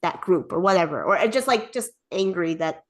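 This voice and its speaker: A woman's voice: lowish voice, lively intonation, normal speed. A woman speaking casually and thoughtfully, with many "like"s and "um"s, raising a question in a group discussion. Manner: chatty, filler-heavy with frequent "like".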